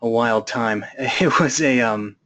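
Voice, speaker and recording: A man's voice: medium pitch, takes it slowly, a bit bright. A man giving a conference talk, telling a humorous story in a casual way with loose fillers. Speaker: conference speaker. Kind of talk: storytelling presentation.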